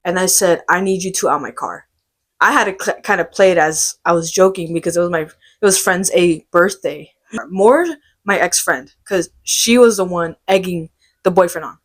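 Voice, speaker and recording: Animated young woman telling a story. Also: fairly low pitch, normal speed. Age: 20s. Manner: animated storytelling, acts out quotes. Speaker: podcast co-host. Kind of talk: casual chat.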